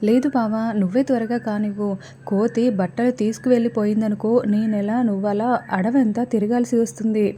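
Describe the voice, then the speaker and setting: A woman's voice: on the high side, steady tone, moderate pace, mellow, a little hiss or hum, lightly acted. A woman reading a stubborn, coaxing young wife.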